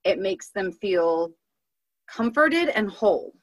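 A woman's voice: mid-range voice, big pitch swings, slow, poor audio. A woman chatting casually, thoughtful and hesitant, with many fillers. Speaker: guest's wife. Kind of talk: casual chat.

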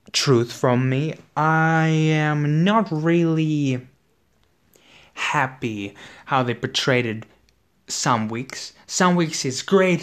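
Hoarse, swearing man ranting slowly. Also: medium pitch, a bit bright. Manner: profane, exasperated, swears constantly. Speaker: wrestling commentator. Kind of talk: ranting casual commentary.

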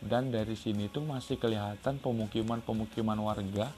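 Rambling low-voiced man telling travel stories. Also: steady tone, fairly quick, dark tone, soft background music. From Riau, Indonesia. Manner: rambling, many fillers and restarts. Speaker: travel podcaster. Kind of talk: casual travel storytelling. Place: second-floor balcony outdoors.

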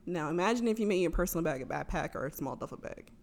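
A woman's voice: on the low side, expressive, fast talker, a little mellow, a little hiss or hum. A woman chatting casually on a podcast, explaining travel tips and laughing often. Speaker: podcast co-host.

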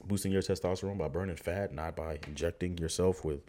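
A man's voice: sits low, steady tone, fairly quick, dark tone, a little hiss or hum. A young man hosting a casual podcast, laughing often and swearing a lot as he talks. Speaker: podcast host.

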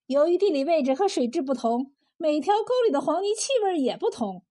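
A woman storyteller voices a sly young woman who runs a noodle shop in a folk tale. She talks high and brisk with a teasing lilt, her tone warm and mellow. She sounds clever and sure of herself. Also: very animated. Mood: boastful. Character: sly, quick-witted young woman innkeeper.

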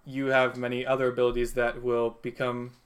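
A mid-pitched man runs a tabletop game as its game master. He improvises his narration informally, feeling his way through it with many halts and fillers. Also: monotone, a little fast, clean tone.

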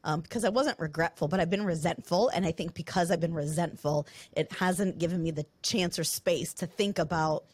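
A woman's voice: fairly low pitch, brisk, few pauses, husky, no echo. Woman hosting a podcast, teary and open, lots of ums, dry close sound. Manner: open and confessional, many "um" fillers. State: tearful, on the verge of crying. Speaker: podcast host. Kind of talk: candid podcast conversation.

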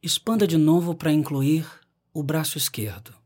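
A man narrating a scripted guided meditation in a calm, unhurried way with long pauses. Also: on the high side.

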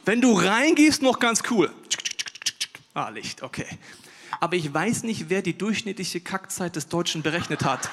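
High-voiced, chatty male stand-up comedian. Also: in a large hall, slight background noise. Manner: chatty, addresses the audience directly with rhetorical questions; animated, swings between loud outbursts and quiet asides.

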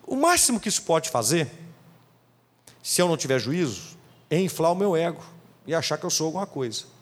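Animated high-voiced male pastor. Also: fairly quick, in a large hall. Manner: emphatic preaching, acts out quotes. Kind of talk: sermon. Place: church.

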